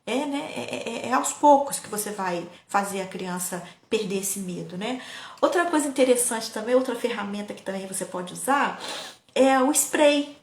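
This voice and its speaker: A woman, a parenting educator telling childhood stories in a lively, casual way, often turning to her audience. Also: medium pitch, normal speed. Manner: lively, keeps addressing the audience. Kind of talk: casual storytelling talk. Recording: echoey room.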